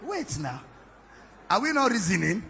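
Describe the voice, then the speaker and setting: A Nigerian man preaches in a church, with a high, bright voice full of gravel and grain. He draws out his words slowly, quizzes the congregation with playful questions, then climbs to ringing shouts. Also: very animated, a little hiss or hum. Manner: teasing questions to the congregation, rising into shouted climaxes. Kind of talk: sermon. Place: church hall, large, indoors.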